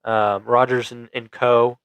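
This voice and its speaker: A podcast co-host chats casually and enthusiastically about a movie, laughing easily. His medium-pitched, fairly bright, smooth voice is unhurried and flat in delivery, with no room sound.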